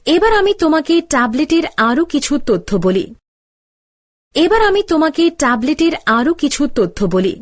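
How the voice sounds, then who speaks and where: In a scripted cartoon tutorial, a woman voices an older-sister teacher who explains gadgets to a child one step at a time. Her pitch sits high, her delivery is sing-song and instructive, and her speed is normal.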